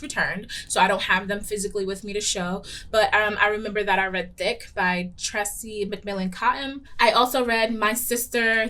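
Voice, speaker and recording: A woman's voice: on the high side, bright, forceful tone. A young adult woman hosting a casual book review vlog, talking candidly with lots of ums and the odd playful swear word. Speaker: book reviewer and show host.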